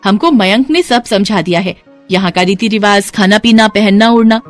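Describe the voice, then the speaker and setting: A woman voicing a naive young foreign bride who speaks broken, ungrammatical Hindi in a high, childlike voice. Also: moderate pace, faint music behind, natural voice. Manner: broken Hindi grammar, wide-eyed.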